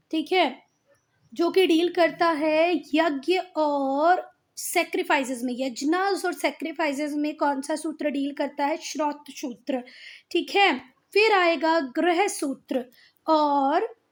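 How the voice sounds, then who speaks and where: A woman with a high, light voice teaches a class, writing as she talks and going back over each term several times. She asks her pupils questions and answers them herself, calling them "beta" in a friendly, everyday tone. Her speech. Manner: talks to pupils as "beta" and "bhaiya", repeats and drills words. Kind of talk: classroom lesson with board writing.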